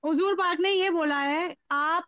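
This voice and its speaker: A woman with a very high voice argues defiantly as a caller on a live stream. Her audio is dull and lo-fi, with a dry, close sound. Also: unhurried, fairly bright tone, no echo. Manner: argumentative, defiant. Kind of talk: heated live-stream argument.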